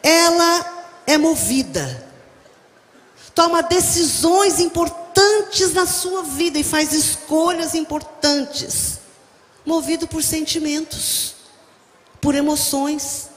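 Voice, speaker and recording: A woman's voice: high voice, slow pace, faint music behind. A middle-aged woman pastor with a Brazilian Portuguese accent, preaching a sermon with humorous stories and speaking directly to the congregation. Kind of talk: sermon with storytelling. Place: church hall. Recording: echoey hall, faint ambience.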